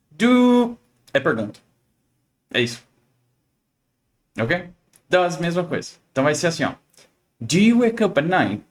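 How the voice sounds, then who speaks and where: In a casual online English lesson, a young man from Brazil explains in a chatty manner, his voice a little high. He frequently checks in with the listener and varies his intonation to demonstrate questions.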